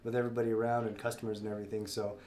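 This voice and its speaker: This stuffed-up man hosting a live sale talks very fast in a low, darkish, level voice. He keeps the stream chat casual and friendly, rambling with many fillers and restarts, clearly suffering from a cold.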